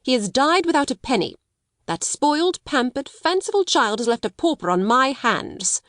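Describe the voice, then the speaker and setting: A woman's voice: mid-range voice, sing-song, brisk, no echo, studio quality, close to an everyday voice. A woman voicing a stern, bitter schoolmistress in a storybook, with a biting, domineering delivery. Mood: harsh. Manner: fierce, biting, commanding.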